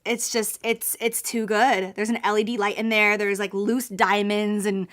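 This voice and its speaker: A young woman beauty YouTuber presenting her own product launch, emphatic and gushing, filling her talk with "like" and squealing when excited. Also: medium pitch, moderate pace. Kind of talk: excited product reveal vlog.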